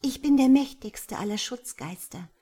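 A woman's voice: on the high side, animated, moderate pace, warm tone, husky, pitched above the performer's own voice. A woman voicing a vain, proud dragonfly guardian spirit with a lofty, self-praising manner, in a storybook reading.

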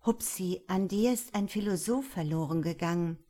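A woman's voice: fairly low pitch, moderate pace, mellow, natural voice. A woman voicing a thoughtful, earnest female police detective in a crime audiobook, speaking firmly and reproachfully. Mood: dry.

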